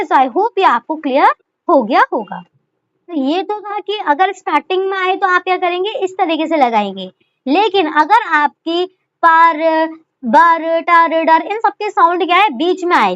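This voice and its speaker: A woman's voice: extremely high pitch, a bit bright, dry recording. A woman teaching shorthand step by step, often checking in with "okay" and asking herself questions as she writes. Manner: repeats "ठीक है" and asks rhetorical questions while writing. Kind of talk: step-by-step tutorial explanation. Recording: dry, dull lo-fi sound.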